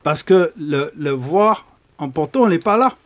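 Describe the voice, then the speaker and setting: A man with a foreign accent in French, discussing as a panel guest, halting and often repeating words as he builds sentences. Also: fairly high pitch, expressive.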